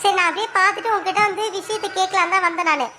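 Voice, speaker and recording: A woman voicing a young village wife who insistently brings news to her neighbour in an animated story. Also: extremely high pitch, very fast, slight background noise. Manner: insistent, earnest. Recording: voice with loud music behind.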